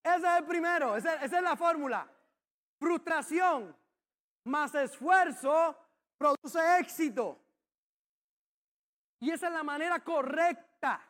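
A man preaching with a strikingly high voice. He drives his points home with emphasis and bursts into shouts on key phrases. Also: moderate pace. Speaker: pastor. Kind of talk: sermon.

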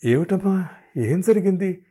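A man voicing an affectionate, protective older mother-in-law in an audiobook reading, coaxing and quick to worry. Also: mid-range voice, expressive, dark tone, close to an everyday voice. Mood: worried. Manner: coaxing, worried, quickly indignant.

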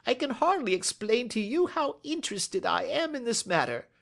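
Nervous small-time male villain for classic storybook. Shrill, thin, quavering, agitated and cringing. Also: very animated, normal speed, gravelly, a bit bright, exaggerated voice. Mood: eager, agitated. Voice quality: high, thin, quavering, cracking. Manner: agitated, deferential.

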